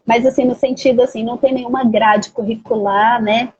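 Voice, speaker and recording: A woman, a guest in a casual conversation, speaking in a measured, reflective way. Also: fairly high pitch, steady tone, a little mellow, dull audio. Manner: measured, reflective, many fillers like "assim" and "né".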